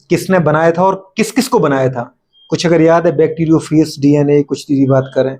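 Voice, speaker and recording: A man's voice: sits high, darkish tone. A male biology teacher with a Hindi accent, lecturing a class, often asking questions and answering them himself, teasing his students.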